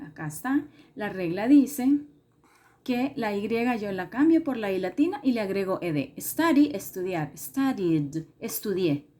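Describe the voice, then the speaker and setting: A woman's voice: medium pitch, dark tone. A woman teacher explaining grammar rules step by step, patiently repeating herself and correcting small slips as she goes. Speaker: English teacher. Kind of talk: recorded classroom lesson explanation.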